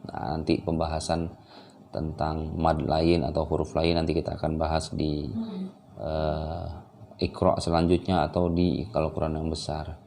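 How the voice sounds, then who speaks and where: A man with a low, mellow voice teaches Quran reading at an unhurried pace. He draws out each example syllable and then explains it calmly. His explanations are broken up by hesitant fillers. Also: vocal fry. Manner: slow drawn-out recitation examples alternating with calm explanation. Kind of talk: recorded reading lesson.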